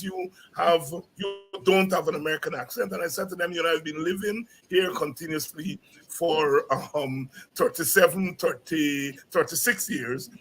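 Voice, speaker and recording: A Guyanese man in his sixties, a university lecturer, reflects as an interview guest in a slightly high voice, often repeating words as he begins a thought. He's an animated storyteller, and the poor audio carries a faint hiss or hum.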